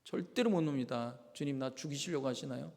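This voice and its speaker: A man's voice: mid-range voice, a little fast, vocal fry, a little mellow, close to an everyday voice. A male pastor voicing a desperate man clinging to a branch and begging to be saved, pleading frantically, in a reverberant church sanctuary.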